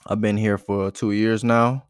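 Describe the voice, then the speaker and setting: A man in his thirties, originally from Ohio, hosts his own podcast in a loose, candid monologue full of "um"s. His voice sits somewhat low with a smooth, resonant tone. The sound is close and dry, with no room around it. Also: unhurried, no echo. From Ohio, USA. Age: 30s. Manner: rambling, many "um" fillers, relaxed and candid. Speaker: podcast host. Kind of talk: casual solo podcast monologue.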